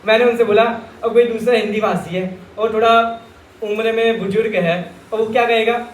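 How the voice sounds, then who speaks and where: A man's voice: high voice, fairly even intonation, moderate pace, slight background noise. A man from Rajasthan teaching Jain scripture to a live audience in a chatty, joking way, often calling his listeners brother. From Rajasthan, India. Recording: echoey hall with faint ambience.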